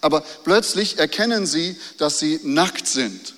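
Male pastor, somewhat high voice, sermon delivery with rhetorical questions and repeated phrases; reverberant hall. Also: animated, unhurried, a bit bright. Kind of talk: sermon with Bible reading.

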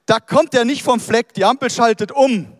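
A man preaching a sermon as pastor, animated, acting out people's inner voices as he goes. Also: extremely high pitch, moderate pace, no echo, studio quality, long reverb tail.

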